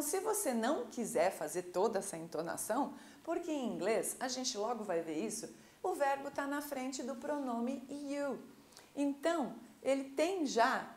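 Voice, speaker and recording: A Brazilian woman with a Brazilian Portuguese accent teaching an English class, slowly modeling phrases and checking in with her students. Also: a little high, roomy sound. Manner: lively, drawn-out model pronunciation with teacherly check-ins. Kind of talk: online classroom lesson.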